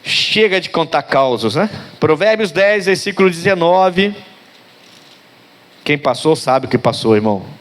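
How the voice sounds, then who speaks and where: A middle-aged pastor from Rio preaching in a fairly high voice. He tells stories from his life with deep emotion, dropping low and soft and then surging high and loud. His talk is colloquial and he keeps calling out to his listeners. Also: lively intonation, measured pace. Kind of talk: sermon with personal storytelling.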